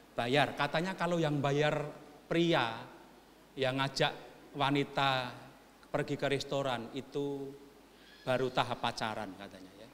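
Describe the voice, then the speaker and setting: A middle-aged man preaching a sermon, joking with the congregation and then rising into loud, urgent exhortation. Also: mid-range voice, slight background noise. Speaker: pastor. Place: church sanctuary. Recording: long church hall reverb.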